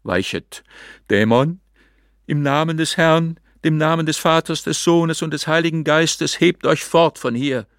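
A man's voice: medium pitch, lively intonation, slow pace, no echo, studio quality. A man voicing a terrified male hermit who shrieks and prays frantically. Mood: frantic prayer.

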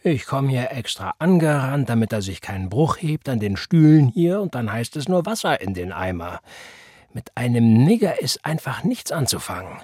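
A big, strong teenage boy, as a male narrator puts him on, loud and mockingly bossy with mock threats. The voice is lifted above the reader's own, a little husky and very dry. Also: medium pitch, very animated, moderate pace, no room sound. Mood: mock scolding. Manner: teasing mock threats, raised voice.

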